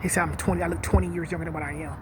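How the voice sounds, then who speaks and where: Man, late 50s, high-pitched voice, confessional and sad, outdoors with music playing behind him. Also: fairly even intonation, rapid-fire. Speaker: vlogger. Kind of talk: personal reflective monologue.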